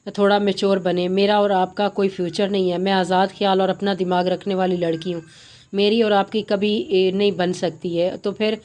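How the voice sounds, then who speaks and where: A woman's voice: medium pitch, level tone, normal speed, a little mellow, close to an everyday voice. A woman reading as a cold, headstrong young wife. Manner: firm, serious, cold.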